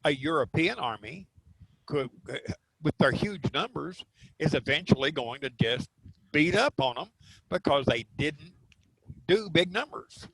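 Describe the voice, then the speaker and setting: A man's voice: a little high, expressive, measured pace, a bit bright, slightly rough, no echo, low-quality recording. A man in a casual panel discussion, explaining his points emphatically. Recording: faint background noise.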